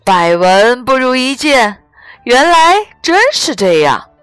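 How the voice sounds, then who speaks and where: A woman's voice: on the high side, very animated, takes it slowly, a bit bright, smooth, no room sound, studio quality, full character voice. A woman voicing a stern elf king in a storybook reading, grave and firm.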